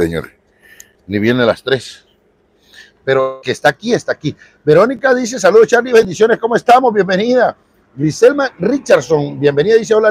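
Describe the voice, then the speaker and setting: Salvadoran guy livestreaming from the street on his phone, greets everyone by name, kinda husky voice. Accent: Salvadoran Spanish. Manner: chatty, greets viewers by name, lively swings in pitch. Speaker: livestream vlogger. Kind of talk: casual live street stream. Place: outdoors on a city street.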